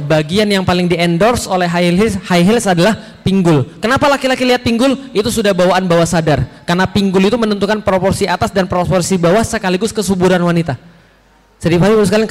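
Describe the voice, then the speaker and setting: High-voiced man lecturing in a reverberant hall. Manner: quizzes the audience, chuckles, conversational. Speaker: Islamic lecturer. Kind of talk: religious lecture to an audience.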